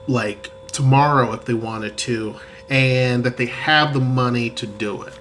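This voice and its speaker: A man's voice: medium pitch, fairly bright tone. A man talking casually to a camera in a vlog, rambling and correcting himself as he goes. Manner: rambling, self-correcting, conversational. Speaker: vlogger. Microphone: camera facing the speaker.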